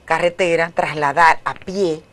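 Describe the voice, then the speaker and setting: Woman, middle-aged, Dominican Caribbean accent, lowish pitch, academic interview guest, conversational explaining. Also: steady tone, unhurried, fairly bright tone. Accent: Dominican Spanish.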